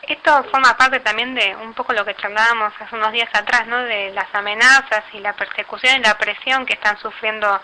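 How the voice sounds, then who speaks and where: A woman's voice: on the high side, steady tone, fairly quick, few pauses, bright, forceful tone, slight background noise, rough recording. A woman with an Argentine accent, interviewing a guest on the radio with sympathetic, leading questions. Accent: Argentine Spanish.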